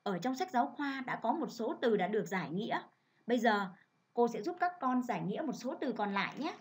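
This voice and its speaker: A woman teacher leads a reading lesson for children. She reads in a clear, measured, instructive way. Her voice sits a little high. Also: very animated. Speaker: primary school teacher.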